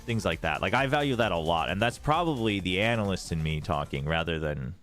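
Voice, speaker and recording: Sitting low but a bit bright, this man's expressive voice moves briskly, with an American East Coast accent and soft music underneath. He's from the United States and serves as an esports watch party host and analyst, chatting informally during a casual livestream.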